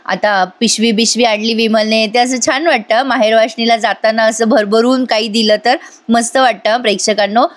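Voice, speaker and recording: A woman's voice: on the high side, fairly even intonation, normal speed. A woman giving a chatty voice-over recap of a TV serial, speaking to her viewers directly with little asides. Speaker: TV serial reviewer.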